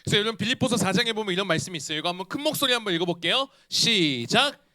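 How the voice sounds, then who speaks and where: A man in his thirties preaching a youth sermon in a church. His voice sits high and bright and swings widely in pitch. He keeps asking his young listeners questions as he talks. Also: racing. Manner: animated, asks the listeners questions. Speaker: youth pastor.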